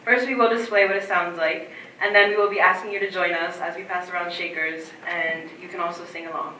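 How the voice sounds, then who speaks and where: Young woman presenter, bright and distant. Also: fairly low pitch, fairly even intonation, a little fast, slight background noise. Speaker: student presenter. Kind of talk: reading a prepared talk. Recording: roomy echo, distant from mic.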